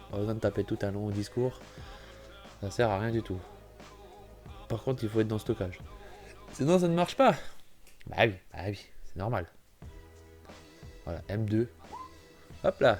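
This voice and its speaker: A man with a cold, giving a chatty, self-correcting walkthrough of a computer-building game and often apologizing. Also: medium pitch. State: has a cold, clearing throat. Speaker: gaming YouTuber. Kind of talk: casual gameplay walkthrough commentary.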